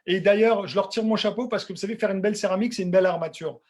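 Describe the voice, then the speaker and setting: This dental technician, a middle-aged man, races through an informal webinar in a fairly high, husky voice with a darkish tone. He chats about his trade the way a working technician would, driving points home by repeating words.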